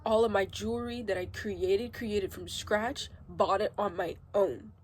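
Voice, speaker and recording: A young woman crying as she speaks a halting, emotional confessional vlog, her voice rising and breaking as she gets upset. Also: mid-range voice, steady tone, a little mellow, slight background noise. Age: young adult. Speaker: vlogger.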